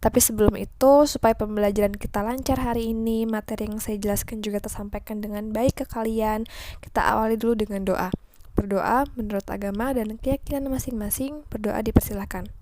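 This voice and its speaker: A young woman teaching a French class in a friendly, chatty way, slowly spelling out letters and sounds. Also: medium pitch, fairly even intonation, warm tone, no echo. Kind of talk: online class lesson.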